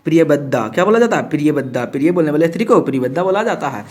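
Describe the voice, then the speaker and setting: A man's voice: on the high side, expressive, racing, darkish tone. A male teacher, running a playful exam-prep lesson who acts out student questions and repeats answers.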